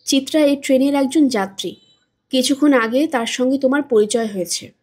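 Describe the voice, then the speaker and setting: A woman's voice: sits high, moderate pace, darkish tone, breathy edge. A woman reading as a patient coaxing son. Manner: coaxing, reasoning.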